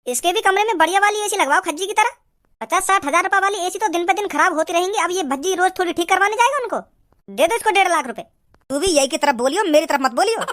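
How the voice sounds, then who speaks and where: A woman's voice: very high voice, a bit bright. A woman voicing a bossy cartoon mother. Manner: scolding, pushy. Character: bossy cartoon mother siding with her son.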